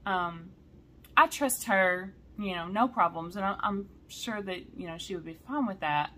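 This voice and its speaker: A woman talks straight to her viewers about her stitching projects. She is chatty and excitable, with a mid-pitched voice and plenty of y'alls. A faint hum of room noise sits behind her. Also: unhurried. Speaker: cross-stitch vlogger. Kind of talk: casual chat to viewers.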